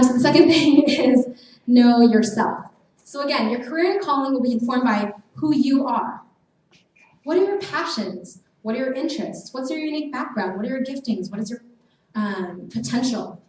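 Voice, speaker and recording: A woman's voice: a little high, a little mellow. A young adult woman giving a casual talk to a student group, earnest and chatty with many fillers. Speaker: guest speaker. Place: large meeting hall. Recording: echoey hall from far off, faint noise.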